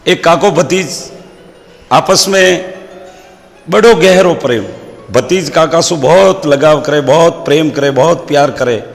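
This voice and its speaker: A man with a Rajasthani accent telling comic folk stories and proverbs as a stage comedian. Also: fairly high pitch. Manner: lively storyteller quoting proverbs. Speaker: stand-up comedian. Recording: long hall reverb.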